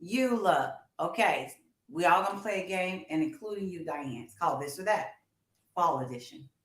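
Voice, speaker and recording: A woman's lowish voice, delivered at normal speed with lively intonation, belongs to a fifties-aged co-host of a casual music-talk livestream. She talks to her viewers in an animated, encouraging way. Room echo fills the livestream audio.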